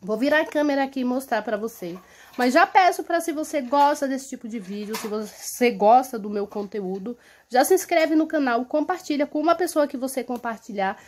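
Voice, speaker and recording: Chatty young Brazilian mom on phone. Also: female voice, high voice, brisk. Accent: Brazilian Portuguese. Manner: chatty, with many tag questions like "tá?" and "entendeu?". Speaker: vlogger and mother. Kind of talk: casual home vlog. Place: small home, indoors. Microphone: phone held at arm's length.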